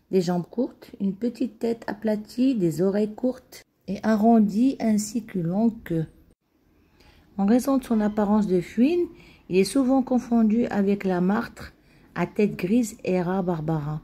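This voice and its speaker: Mellow-voiced woman reading a documentary. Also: medium pitch, breathy edge, no room sound. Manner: steady reading with occasional slips. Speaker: narrator of a documentary-style video. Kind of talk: scripted narration.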